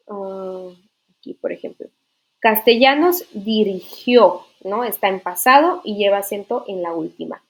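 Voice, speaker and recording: A woman teacher explaining writing rules in an online literature class, patient, often checking that students follow. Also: medium pitch. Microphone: computer mic in an online class.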